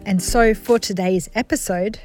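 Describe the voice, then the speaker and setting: A woman hosting a community radio current affairs program, reading in a measured, formal way. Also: medium pitch, over music. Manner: measured, formal scripted delivery. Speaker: radio host.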